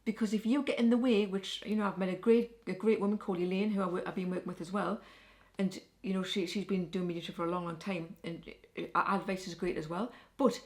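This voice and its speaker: A woman medium chatting as a guest, earnest and serious in tone. She leans hard on her key words and repeats them for weight. Her pitch sits in the middle for a woman. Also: fairly even intonation, fast, few pauses, a little mellow. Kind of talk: casual conversation.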